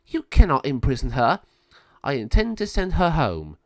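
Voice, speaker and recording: A man's voice: a little high, lively intonation, normal speed, no room sound, voice pushed up, natural voice. A man voicing an earnest, wise sorceress, a big sister and heroine in a storybook, speaking emphatically. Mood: cross.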